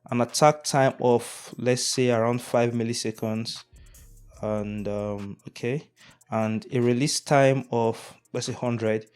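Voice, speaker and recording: A man talks through a sound-mixing lesson at an easy pace, leaning on ums and restarts as he explains. His voice sits at an ordinary middle pitch, and his tone is plain and instructive rather than performed. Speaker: audio mixing tutor. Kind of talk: casual explanatory tutorial.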